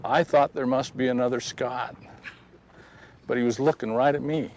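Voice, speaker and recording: A man's voice: medium pitch, steady tone, normal speed, darkish tone, slight background noise, poor audio. A man giving an earnest personal faith testimony outdoors at a historic site, acting out the dialogue as he tells it. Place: outdoors on a ridge.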